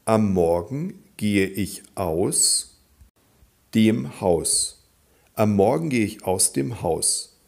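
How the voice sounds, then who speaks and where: Guy teaching grammar, talks real slow, gravelly low voice, goes up and down a lot. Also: lively intonation, darkish tone. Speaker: German teacher. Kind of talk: slow, clearly spoken grammar lesson.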